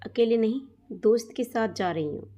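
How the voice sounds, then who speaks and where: A woman voicing a young daughter who is quick to anger and fear, speaking in sharp outbursts in a Hindi storybook. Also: fairly high pitch, lightly acted. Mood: casual.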